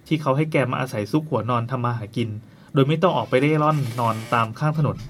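Fast-talking male storyteller. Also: mid-range voice, soft background music. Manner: chatty, with playful asides to a co-host. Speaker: storyteller host. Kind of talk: casual ghost story narration.

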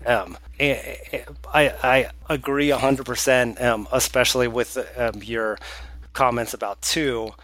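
A man's voice: medium pitch, steady tone, unhurried, fairly bright tone, no echo. A man co-hosting a podcast, chatty and laughing often, slipping into playful impressions. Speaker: podcast co-host. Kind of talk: casual film chat.

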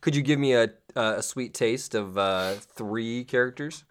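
A man hosting a casual comedy podcast, playful and quick to laugh. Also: mid-range voice, clear, resonant tone. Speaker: podcast host.

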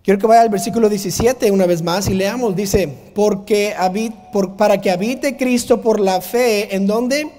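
A man's voice: sits high, normal speed, few pauses, mellow. Man preaching in a reverberant hall. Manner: asks rhetorical questions, emphatic preaching. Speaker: pastor. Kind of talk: sermon.

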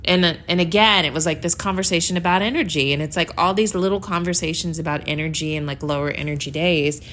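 Female podcast host, lower-pitched, sleepy and rambling, casual solo chat, faint background ambience. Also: fast talker, fairly bright tone, a little hiss or hum. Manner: rambling, chatty, with laughs and fillers. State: sleepy, yawning. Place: New York.

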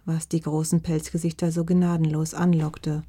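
A woman with a husky voice narrating a children's story in a calm, gentle manner. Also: deep voice, moderate pace.

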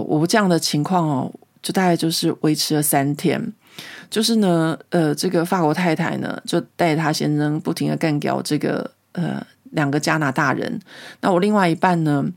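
A woman, hosting a podcast and telling a story in a casual, animated way. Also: sits low, creaky. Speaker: podcast host.

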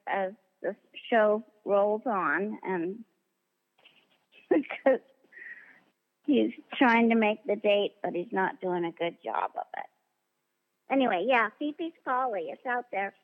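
A woman voice actress being interviewed, telling stories in a chatty, animated way and acting out the dialogue she quotes. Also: fairly high pitch. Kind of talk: casual interview anecdotes. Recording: tinny phone-line sound in a long reverb.

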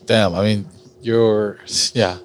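A man hosting a casual podcast chat, joking and swearing, cutting in with quick reactions. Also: on the low side, fairly even intonation, a little mellow, slight background noise. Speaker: podcast host.

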